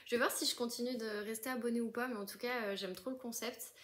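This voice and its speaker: A woman's voice: fairly high pitch, steady tone, fast, a bit bright. A young woman chatting casually through an unboxing, gushing often and full of fillers and restarts. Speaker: book vlogger.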